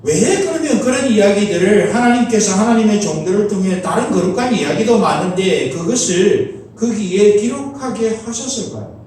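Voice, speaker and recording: Middle-aged male pastor, high animated preaching voice, earnest rhetorical questions, distant mic in a booming sanctuary. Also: moderate pace, few pauses. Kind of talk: Sunday sermon. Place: church sanctuary. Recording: very echoey church hall, mic at a distance.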